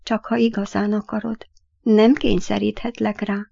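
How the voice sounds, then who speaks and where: The sad, gentle ghost of a little boy from a storybook, speaking softly and pleading, as a woman reads his part. The voice has a slight gravelly touch, and the recording sounds dry and dull. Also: medium pitch, flat delivery, no echo, lightly acted. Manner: soft pleading.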